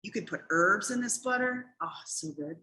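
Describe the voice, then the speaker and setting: A woman's voice: mid-range voice, expressive, normal speed, bright, forceful tone, low-quality recording. A middle-aged woman leading a cooking demonstration in a casual, chatty way, explaining each step and often checking in with "okay?". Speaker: cooking class instructor.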